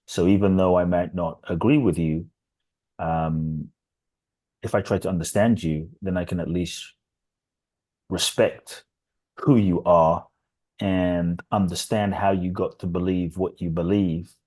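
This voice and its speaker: As a guest on a podcast, a man who works as a transformational teacher gives reflective interview answers, earnest and built up by repetition. His low-pitched voice is steady, unhurried, and darkish in tone.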